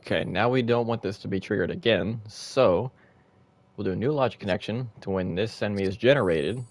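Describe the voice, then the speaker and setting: A man with a fairly low voice talks through a live game stream, narrating each step as he sets it up. He keeps it loose and casual, musing aloud and laughing at his own stumbles. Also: brisk, no room sound, soft background music. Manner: casual, thinking aloud while building, chuckling at himself. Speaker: gaming livestreamer. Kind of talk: live gameplay commentary.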